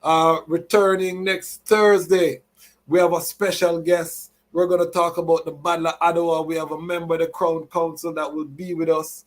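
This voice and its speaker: A man's voice: on the high side, flat delivery, normal speed. A man hosting a live show, mixing announcements with Rastafari reasoning in Rastafarian idiom and repeated catchphrases. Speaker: podcast host.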